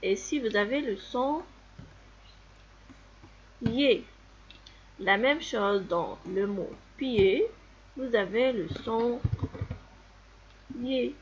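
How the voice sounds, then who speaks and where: A primary school teacher leads a reading lesson for young children, speaking slowly and patiently repeating each sound and word for her pupils. Her voice is on the high side, and the recording has its highs cut off with a little hiss or hum.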